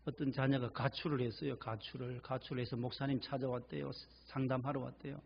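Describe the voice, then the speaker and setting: A man's voice: medium pitch, little pitch movement, fairly quick, vocal fry, dull audio, a little hiss or hum. A male pastor delivering a church sermon with emphatic preaching, repeating key words for stress. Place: church sanctuary.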